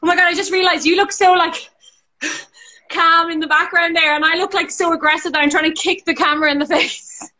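A woman with an Irish accent leading a live workout class over a video call, energetic, counting down reps and cheering people on. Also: extremely high pitch, a little fast, roomy sound, rough recording. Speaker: fitness instructor.

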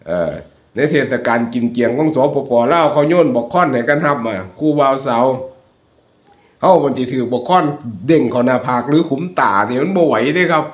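Man, Isan accent, channel host, casual joking commentary, mid pitch, echoey recording. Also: brisk. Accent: Northeastern Thai (Isan). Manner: chatty, joking, addresses viewers as brothers and sisters. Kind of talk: casual commentary over photos. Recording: roomy echo.

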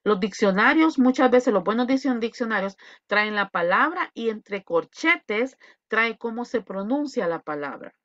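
A woman English teacher giving an online pronunciation class, slowly drilling and repeating words over a video call. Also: fairly high pitch, a bit bright, dry recording, dull audio.

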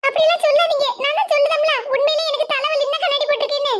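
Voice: extremely high pitch, flat delivery, racing, very noisy. A performer voicing a meek young daughter-in-law in a cartoon, pleading in a Tirunelveli Tamil accent with nervous laughs. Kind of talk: cartoon voice acting.

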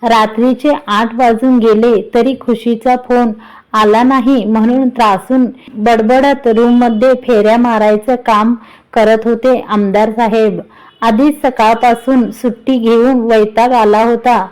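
A woman narrating a romantic serial story in a measured, even reading voice. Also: a little high, low-quality recording.

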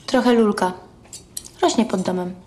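An actress in her thirties playing a calm, deliberate, quietly menacing wife in a film drama. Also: medium pitch, close to an everyday voice. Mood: coolly menacing. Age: 30s. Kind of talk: understated film acting. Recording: echoey room, faint noise.

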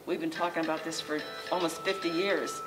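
Over background music, an older woman with a low-pitched, steady voice lectures as president of the local historical society, giving an informal slideshow talk to a small audience in an indoor library meeting room. She speaks conversationally, halting with frequent restarts and fillers. The masked speaker is caught by a distant camera mic with faint room noise.

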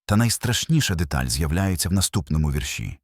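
A man's voice: low voice, big pitch swings, a little fast, no echo, studio quality. A man delivering a scripted sermon narration as a preacher, solemn and emphatic, building with short repeated phrases.

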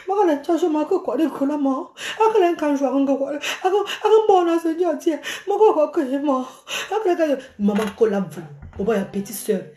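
Broadcasting live to her followers from a small room beside a curtain, a middle-aged woman from Cameroon exclaims and gestures freely as she rants. Her voice is high-pitched and reverberant, picked up by a phone at arm's length.

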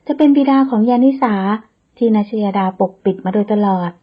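A woman narrating a romance audiobook in a slow, emotive reading style. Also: mid-range voice, slightly rough, dull audio.

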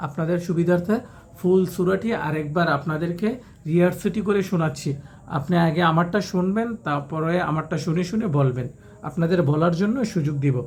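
A man teaching recitation step by step, explaining quickly and then reciting each verse slowly in a drawn-out, melodic way. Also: fairly high pitch, darkish tone. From Bangladesh.

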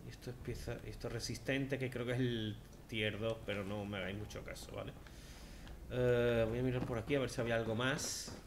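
A man with a Spanish accent from Spain, giving chatty, sarcastic let's-play commentary with sudden loud outbursts. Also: medium pitch, fairly even intonation, brisk, noisy background. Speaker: gaming video host. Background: game music.

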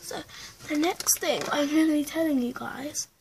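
A chatty young girl with a high, light voice rambles through a casual vlog update, stopping and starting with lots of fillers. A faint hiss and the odd click sit behind her in a room at home. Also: normal speed, creaky. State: out of breath. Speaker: vlogger. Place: at home indoors.

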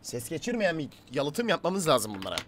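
A man's voice: on the high side, big pitch swings, a little fast, crowd noise. Chatty young Turkish man gaming. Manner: chatty, talks to customers and viewers, swings from mutters to loud calls. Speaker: gaming YouTuber. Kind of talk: casual let's-play commentary.

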